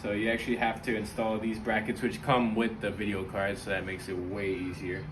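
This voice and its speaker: Speaking fairly quickly in a fairly low, fairly flat voice, a YouTube vlogger hosts his own video, chatting to viewers in an informal, slangy way. It's a casual hands-on tech tutorial mixed with personal stories, and there's background noise.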